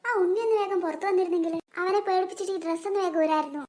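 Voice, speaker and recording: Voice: extremely high pitch, very fast, a little mellow. A voice actor playing a mischievous boy in a green monster costume, muttering his plans to himself. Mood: scheming. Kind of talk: cartoon voice acting.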